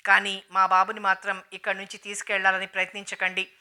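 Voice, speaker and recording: A woman with a medium-pitched voice plays a stern, dignified matriarch in a novel's audiobook, giving her calm, grave and measured speech.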